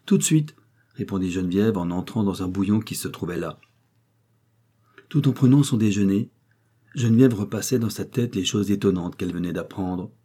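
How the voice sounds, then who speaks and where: A man narrating a classic novel as an audiobook in a measured, expressive reading. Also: sits low, husky.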